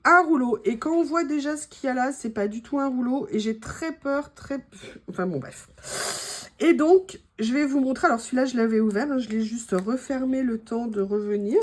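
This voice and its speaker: A woman with a French accent and a slightly hoarse voice, chatting casually to viewers as she opens her mail, gushing and full of fillers. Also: a little high, darkish tone. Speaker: craft vlogger opening mail.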